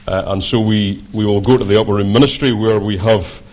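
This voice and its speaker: A man with a broad Scottish accent preaching a sermon as a visiting preacher, in measured, deliberate, halting phrases. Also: fairly low pitch, fairly even intonation, a little mellow. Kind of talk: sermon with scripture readings. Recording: dull, lo-fi sound.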